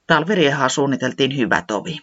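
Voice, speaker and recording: A narrator reading a children's storybook aloud in an expressive, sing-song manner. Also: medium pitch, breathy edge. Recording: dull lo-fi sound.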